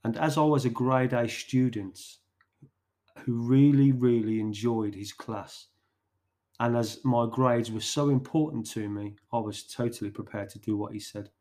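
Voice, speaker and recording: A man hosts his podcast and tells a short story. His delivery is slow and deliberate, with pauses between phrases. His voice sits at a medium pitch. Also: fairly even intonation, darkish tone.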